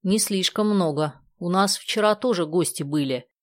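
Woman reading as a calm, doubtful mother. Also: fairly low pitch, normal speed, no echo, clean studio sound, natural voice.

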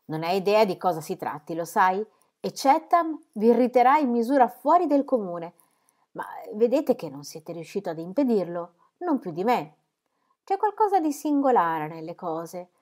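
A woman reading the part of a fussy, rambling older gentleman in an audiobook. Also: medium pitch, sing-song, normal speed, voice pushed up, close to an everyday voice. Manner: rambling, keeps adding "you know".

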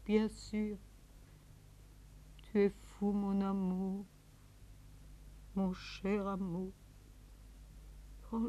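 A despairing woman clinging to a phone call with her lover, in the style of a 1950s radio play. She speaks slowly and tremulously, drifting from hushed murmurs to frantic pleading. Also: medium pitch. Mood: tender. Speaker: actress. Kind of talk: 1950s radio drama acting.

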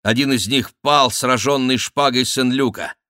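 Measured male audiobook narrator. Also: mid-range voice, bright, forceful tone, no room sound, clean studio sound. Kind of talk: scripted narration of an adventure novel.

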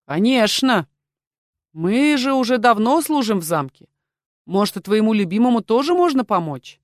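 A woman voicing a male castle guard chief who speaks quietly and confidently, with a cold edge. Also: fairly high pitch, very animated, moderate pace, dry recording, clean studio sound, voice pushed up. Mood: soothing. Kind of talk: audiobook character voice.

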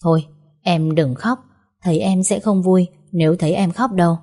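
A woman voicing a gentle young boy who reassures a crying girl. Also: fairly low pitch, normal speed, lightly acted. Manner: soft, reassuring.

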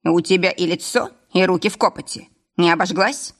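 A calm, wry man at the wheel, read by a woman narrator, level and unhurried even in a crisis. His lines come dry and matter-of-fact. An audiobook story. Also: lowish voice. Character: calm, wry adult male driver.

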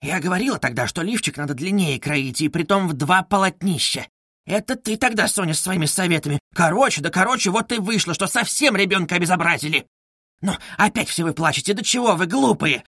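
A man putting on a shrill frantic widow. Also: lively intonation, a little fast, pushed and bright, breathy edge, dry recording, studio quality, exaggerated voice. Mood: scolding. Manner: shrill, wailing, haughty. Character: frantic, proud widow, middle-aged woman.

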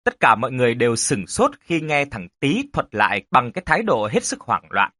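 A man narrating a ghost story in a dramatic, expressive way. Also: mid-range voice, fairly quick, dry recording, clean studio sound.

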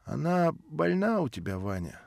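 A sorrowful old man, as a male reader voices him, slow and soft-spoken, with a slightly raised pitch. The audiobook reading sounds dry and close. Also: big pitch swings, creaky, dry recording. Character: grieving old man, gentle and pleading.

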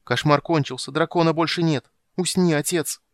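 A man's voice: moderate pace, fairly bright tone, dry recording, close to an everyday voice. A man doing a pleading young elf princess. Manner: pleading, raised and high.

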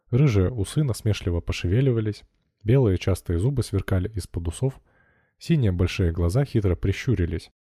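Deep, dark-voiced male narrator. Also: slightly rough, dry recording, studio quality. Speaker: audiobook narrator. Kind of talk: scripted narration.

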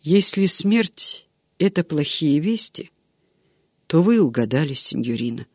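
A man voicing a long-winded old female servant who tells everything slowly and in order. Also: a little high, big pitch swings, no room sound, clean studio sound. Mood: garrulous. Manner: rambling, drawn-out storytelling.

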